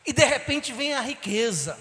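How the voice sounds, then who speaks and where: Man, bishop, impassioned sermon, very high voice. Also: sing-song, normal speed. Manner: impassioned, swings between loud and soft. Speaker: bishop, preacher. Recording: long church hall reverb.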